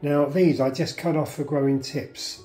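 A man's voice: fairly high pitch, fairly even intonation, moderate pace, dark tone, reverberant, soft background music. A man giving plain, practical, chatty instructions on drying garden herbs at home. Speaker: gardener showing how to dry herbs. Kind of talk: casual how-to demonstration. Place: home kitchen, indoors.

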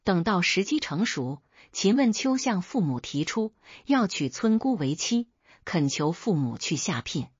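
A woman narrating folk tales as a storyteller, in a steady, even reading. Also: on the low side, measured pace, slightly rough, no echo. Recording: dull dry recording.

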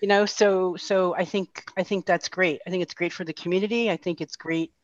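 A woman's voice: lowish voice, steady tone, brisk, dry recording. Chatty woman on a dull video call. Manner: chatty, friendly, filler-heavy. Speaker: co-host. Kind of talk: casual chat. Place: home room. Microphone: headset on a video call.

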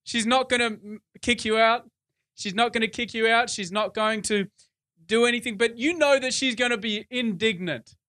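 A man's voice: very high-pitched, normal speed, bright, forceful tone. A man preaching a sermon in church, conversational, repeating phrases for emphasis. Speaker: pastor.

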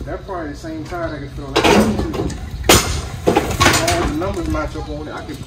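A man's voice: fairly high pitch, brisk, heavy background noise. A man running a junk removal business, talking loosely to camera outdoors at a house, with lots of fillers and slang. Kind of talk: casual vlog talk to camera.

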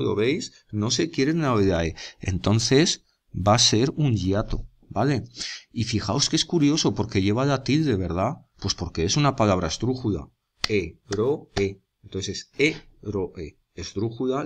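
A man with a Spanish accent from Spain, teaching a grammar lesson step by step and stopping often to check that his students follow. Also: fairly low pitch. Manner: explains step by step, checks in with students, writes while talking.

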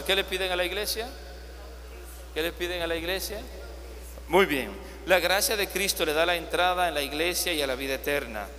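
A priest with a fairly high, bright, clear voice guides parents and godparents through a baptism, instructive and patient. He is caught from a distance by a phone in a large church, his words ringing in a long reverb over a faint hum. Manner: instructive, gently coaxing the congregation. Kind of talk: leading a baptism rite. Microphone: far phone camera in the congregation.

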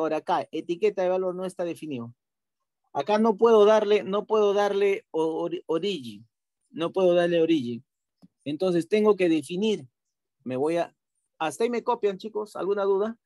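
A man teaching an online class, patiently walking through software steps, repeating himself and checking in with tag questions. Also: high voice, no room sound, studio quality.

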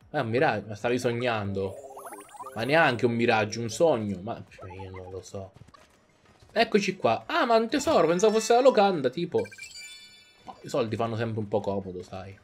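A man's voice: medium pitch, very animated, normal speed. A young man giving jokey, casual commentary while playing a video game, sometimes reading game lines aloud in playful voices. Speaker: gaming YouTuber. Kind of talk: casual let's-play commentary. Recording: faint game music behind.

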